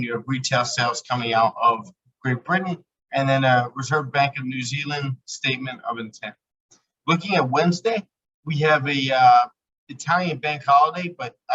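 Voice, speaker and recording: A man, a trading coach, talking through a weekly market outlook in a loose, filler-heavy way, his voice coming through a low-sample-rate laptop mic that sounds robotic. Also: sharp tone, slightly rough, lo-fi sound.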